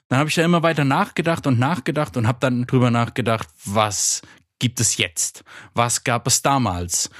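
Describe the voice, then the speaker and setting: A man, speaking at a mid pitch as a podcast guest. He rambles enthusiastically and keeps breaking off his own sentences. The sound is dry and close. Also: no room sound. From Frankfurt, Germany. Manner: rambling, enthusiastic, self-interrupting. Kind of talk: casual podcast chat.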